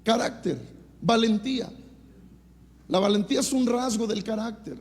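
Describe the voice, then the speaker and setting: A middle-aged man with a Mexican Spanish accent preaches a sermon in a high voice. He tells stories quickly, then rises into emphatic bursts. His voice rings out with the long reverb of a large church hall. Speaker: pastor.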